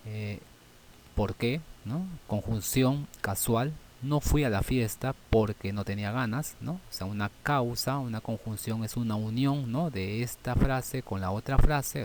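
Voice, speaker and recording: A man teaching a grammar lesson, thinking aloud and ending phrases with quick checking questions, with many fillers. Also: lowish voice, a little mellow, a little hiss or hum.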